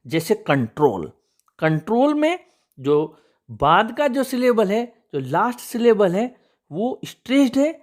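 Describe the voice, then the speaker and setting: Lively-voiced male English teacher. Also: high voice. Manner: patient, walks through examples step by step; addresses viewers as friends. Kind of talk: explaining spelling rules.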